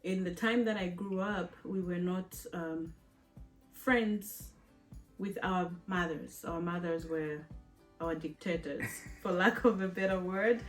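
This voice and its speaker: A woman's voice: lowish voice, takes it slowly, faint music behind, poor audio. A woman from Zambia chatting casually and playfully to camera, laughing often. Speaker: co-host of a family channel.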